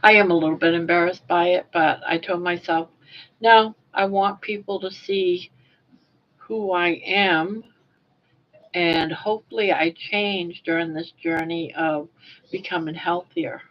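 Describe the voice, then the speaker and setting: An older woman with soft, toothless articulation from a sore mouth, chatting casually and a little self-consciously on a livestream in a rambling way. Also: on the low side, steady tone, a little slow. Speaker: livestream host. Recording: dull lo-fi webcam or phone audio.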